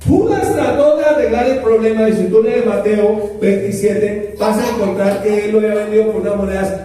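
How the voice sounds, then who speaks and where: A man's voice: high-pitched, mellow. A man preaching a sermon, telling Bible stories with dramatic rises and drops in his voice. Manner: storytelling with dramatic rises and falls. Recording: echoey room, mic at a distance.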